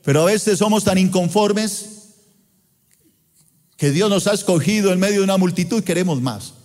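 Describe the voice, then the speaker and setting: A middle-aged man from Colombia with a Colombian accent, preaching a sermon as pastor with impassioned delivery and sweeping swings in pitch. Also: normal speed, darkish tone. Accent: Colombian Spanish. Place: large church auditorium. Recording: long hall reverb in church auditorium.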